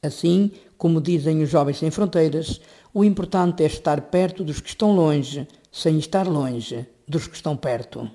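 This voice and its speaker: A man reads a religious commentary for radio in a calm, measured way. His voice sits a little high and sounds mellow and warm. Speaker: priest commentator.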